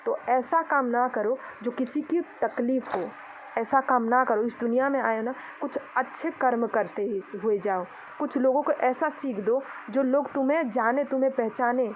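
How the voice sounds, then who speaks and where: A woman's voice: fairly high pitch, normal speed, slight background noise, rough recording. A young woman from Odisha, talking outdoors to the camera in an impassioned vlog, indignant and scolding as she preaches to her critics. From Odisha, India. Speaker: vlogger.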